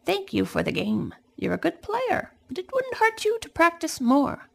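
A woman's voice: very high-pitched, huge pitch swings, moderate pace, creaky, voice pushed up, full character voice. A woman reading as a kindly old man. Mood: gentle advice. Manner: gentle, advising, urging. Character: kindly old man, wise chess player. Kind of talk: children's storybook reading.

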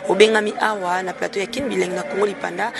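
A woman hosts a casual talk show with a gravelly, rough-edged voice. She rattles off lively greetings and shout-outs to fans and friends. The recording is noisy, with steady background ambience. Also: medium pitch, fast. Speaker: TV show host.

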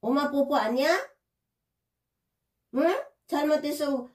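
A woman talks to her pet in a somewhat high voice, scolding it and repeating short commands over and over. She speaks very slowly. She is heard from across an echoey room, well away from the mic. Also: darkish tone. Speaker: pet owner vlogger. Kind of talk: talking to a pet. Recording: roomy, from a distance.

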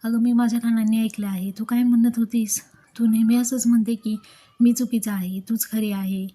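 A woman's voice: on the high side, fairly even intonation, moderate pace, warm tone, natural voice. A woman reading as an angry young husband. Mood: accusing. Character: angry young husband shouting at his wife.

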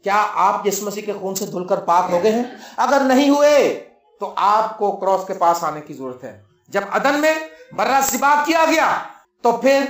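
High-pitched guy preaching, storyteller vibe, acts out the dialogue, big echo in the church. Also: lively intonation, fairly bright tone. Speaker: pastor. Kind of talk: sermon.

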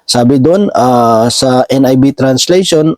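A man preaching in a casual, conversational way, often ending his phrases with a questioning "no?" and reading verses slowly. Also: medium pitch, darkish tone, no room sound, rough recording. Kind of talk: Bible teaching, casual sermon.

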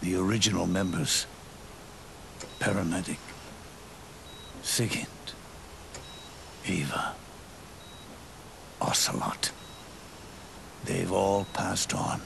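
Against a noisy background and orchestral music, an older man uses a full character voice to portray an aging, weary, scarred soldier in a video game cutscene. His tone is level, and his deep, breathy, gravelly growl proceeds slowly, haltingly and solemnly, grave, reflective, solemn and philosophical.

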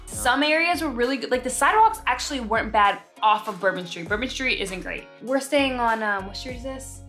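A woman's voice: fairly high pitch, animated, fairly quick, a bit bright, soft background music. A young woman chatting casually to camera beside her partner in a bedroom, laughing easily and stretching her words. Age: young adult. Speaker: vlogger co-host. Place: bedroom, indoors. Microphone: camera held close at arm's length.

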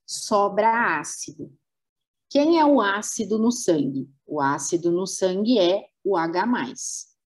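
Brief: Brazilian woman lecturer, husky, unhurried, poses questions to the class. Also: fairly low pitch, a little mellow. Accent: Brazilian Portuguese. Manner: didactic, rhetorical questions, acts out organs. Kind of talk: webinar lecture.

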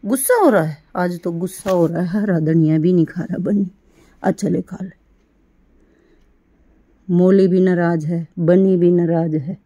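A middle-aged woman talking baby talk to her pet rabbit, coaxing and doting in a sing-song way with soft laughs. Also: lowish voice, a little slow, long pauses. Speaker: pet vlogger caring for rescued animals.

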